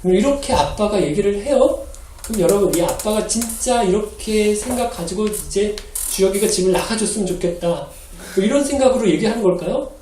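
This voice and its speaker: A man preaching a Sunday sermon as pastor, animated and acting out quoted lines in a changed voice. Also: high voice, fairly quick, a little hiss or hum. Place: church hall. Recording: echoey hall, mic from a distance.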